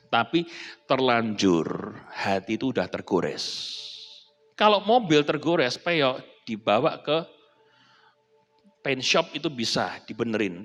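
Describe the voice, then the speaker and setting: A man's voice: mid-range voice, a bit bright. A middle-aged man, a pastor giving a humorous wedding sermon and putting on funny voices for his examples. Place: church hall. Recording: echoey church hall with faint music.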